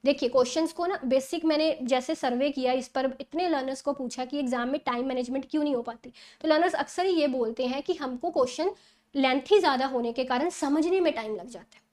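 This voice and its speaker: A woman educator giving conversational exam-prep advice, often checking in with her listeners. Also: high voice. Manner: coaching, repeats "theek hai?" checks. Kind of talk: conversational teaching talk.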